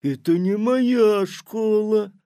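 A man's voice: fairly high pitch, sing-song, moderate pace, gravelly, breathy edge, no echo, studio quality, exaggerated voice. A man voicing an eager young schoolboy. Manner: eager, wondering. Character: curious schoolboy who skipped his homework. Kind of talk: audiobook character voice.

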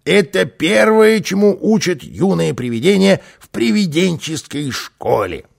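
A boastful, playful little flying man from a storybook , put on by a male narrator. The voice sits high and loud with a self-satisfied swagger, a raspy grain and wide, lively swoops of melody. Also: a little slow, heavily acted. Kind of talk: audiobook character voice.

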